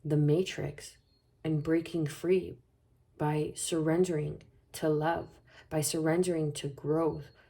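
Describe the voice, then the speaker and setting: A woman's voice: low voice, little pitch movement, takes it slowly, gravelly, warm tone. A woman giving a spoken tarot reading in a flowing, soothing way, often checking in with "okay?". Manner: flowing, soothing, repetitive phrasing with frequent "okay?". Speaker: tarot reader.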